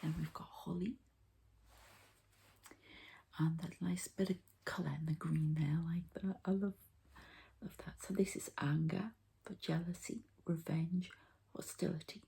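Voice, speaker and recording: An ASMR energy healer and card reader speaks low and mellow, drifting in and out of a breathy whisper as she reads the cards. Her very creaky voice keeps a steady tone, hushed and unhurried, murmuring to the listener.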